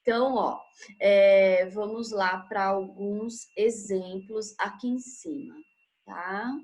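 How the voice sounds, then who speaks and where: Slow, patient woman teacher. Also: medium pitch, steady tone, a little mellow. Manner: patient, checks in with tag questions. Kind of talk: classroom grammar lesson.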